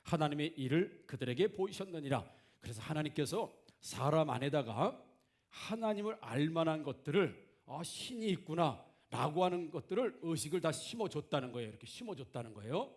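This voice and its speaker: A man's voice: fairly high pitch, big pitch swings, brisk. A man preaching a Sunday sermon as pastor, asking the congregation questions, answering them himself and acting out quoted voices. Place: church sanctuary.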